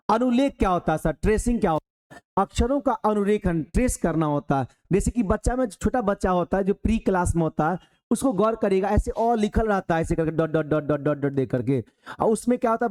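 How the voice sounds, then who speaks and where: A man with a high voice teaches an exam-prep lesson in Hindi. His speech is chatty and colloquial, and he calls his listeners "babu." He keeps asking the class questions and then answering them himself. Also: darkish tone.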